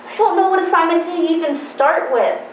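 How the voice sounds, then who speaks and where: A woman's voice: extremely high pitch, a little fast, a little hiss or hum. A young woman playing an anxious teenage schoolgirl who is falling behind in her classes, in a student film. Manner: anxious, pleading. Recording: roomy echo with faint music.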